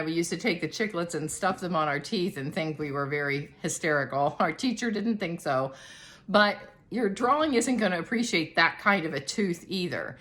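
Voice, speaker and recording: A woman's voice: fairly low pitch, bright, forceful tone. A middle-aged woman, an art teacher, explaining a drawing lesson in a chatty, demonstrative way.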